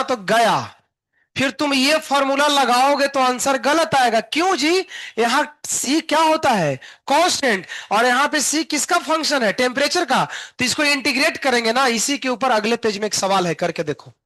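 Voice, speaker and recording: A man's voice: extremely high pitch, expressive, normal speed, bright, forceful tone, no room sound, rough recording. A man teaching a live online class, chatty and teasing his students while mixing English terms into his explanations.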